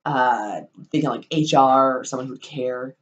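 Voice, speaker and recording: A woman's voice: a bass voice, measured pace, dull audio. A young woman in a casual storytelling vlog, rambling with lots of ums and likes, swearing freely and wryly. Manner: rambling, full of ums and likes, profane and wry.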